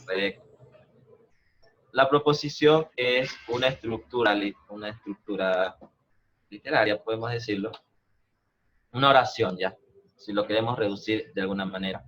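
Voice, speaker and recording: In a lo-fi video call recording, a man with a lowish, slightly bright voice teaches an online math class at a normal speed, pausing often. He explains patiently and regularly asks "¿no?" or "¿verdad?" to confirm students follow.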